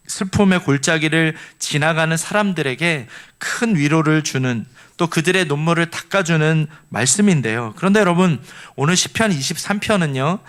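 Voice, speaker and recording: A man's voice: a little high, fairly bright tone, clean tone. A male pastor from Seoul preaching a sermon, explaining scripture earnestly and leading the congregation in repeating lines after him. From Seoul, South Korea.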